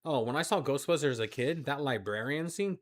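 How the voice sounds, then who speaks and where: A man's voice: medium pitch, lively intonation, brisk. A congested man co-hosting a casual late-night chat, joking and teasing himself. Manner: joking, self-mocking banter. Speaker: co-host.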